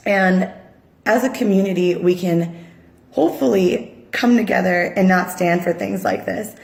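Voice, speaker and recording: A woman from Sri Lanka speaks as an upset mother in a personal video appeal, earnest and halting with frequent fillers. Her voice sits at a middle pitch with a gravelly, creaky edge. The recording carries the echo of a roomy space. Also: darkish tone. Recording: echoey room.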